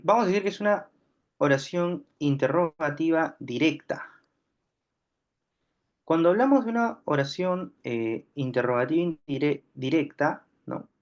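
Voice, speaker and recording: A man with a Peruvian accent teaching a grammar lesson, patiently repeating examples and often pausing with fillers. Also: on the high side. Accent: Peruvian Spanish. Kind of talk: grammar lesson explaining on screen.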